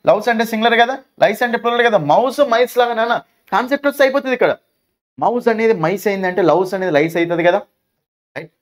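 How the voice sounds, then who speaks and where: A man with a Telugu accent teaching an English grammar lesson, asking questions and answering them himself. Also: sits high. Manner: asks questions and answers them himself, calls students "nanna".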